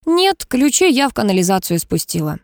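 A woman's voice: a little high, big pitch swings, brisk, no echo, clean studio sound. A woman voicing a blunt, defiant young woman who snaps short replies, in an audiobook reading. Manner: curt, snapping replies.

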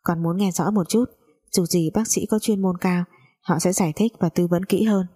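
Woman reading a soft-spoken young wife, mellow, husky. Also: fairly low pitch, fairly even intonation, moderate pace. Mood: calm. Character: gentle, honest young wife.

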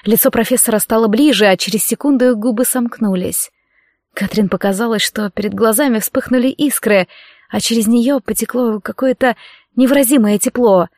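A woman narrating a romance audiobook in an expressive storytelling manner. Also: fairly high pitch, moderate pace, no echo, studio quality.

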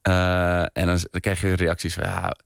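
A man's voice: low-pitched, monotone, moderate pace, creaky, dry recording, clean studio sound. A man being interviewed on a radio podcast, talking in a hesitant, self-deprecating way with lots of restarts. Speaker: podcast maker, interview guest. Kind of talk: relaxed radio interview chat.

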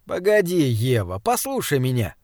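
A shy, earnest young artist, voiced by a male reader, pleading in a low, hushed tone. The recording is dry and close, with no room sound. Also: wildly swooping pitch, moderate pace, no room sound.

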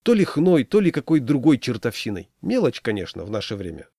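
A man's voice: mid-range voice, very animated, fairly quick, mellow, no echo, studio quality. A man voicing a fussy friend who rambles on confidingly in a humorous story. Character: fussy scheming man, anxious talker.

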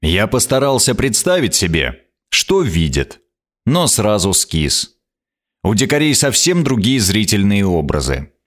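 Brief: male audiobook reader, low voice, very animated intonation, sardonic edge. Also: unhurried. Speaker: narrator. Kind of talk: audiobook narration.

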